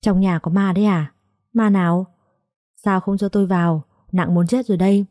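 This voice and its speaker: A woman's voice: mid-range voice, fairly even intonation, moderate pace, dry recording, studio quality, lightly acted. A woman voicing a caring, concerned young man in an audiobook story. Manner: warm, concerned.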